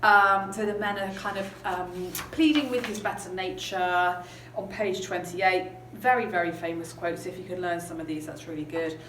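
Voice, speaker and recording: A woman's voice: fairly low pitch, normal speed, fairly bright tone. A woman teacher talking casually through a novel, chatty and hesitant with lots of ums. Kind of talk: casual literature lesson chat. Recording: roomy, distant mic, background noise.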